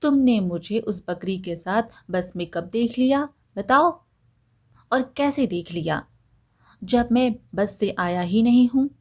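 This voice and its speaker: A woman's voice: mid-range voice, lively intonation, takes it slowly. A woman voicing a cheating young village man who protests his innocence, in a storybook reading. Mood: defensive.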